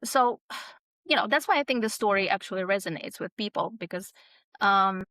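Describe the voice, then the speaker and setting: A hesitant woman author, a guest in a casual interview, speaks with many fillers and restarts. She came from abroad, immigrating at around twenty-two. Her medium-pitched voice is bright and forceful at a normal speed, and the recording is very dry.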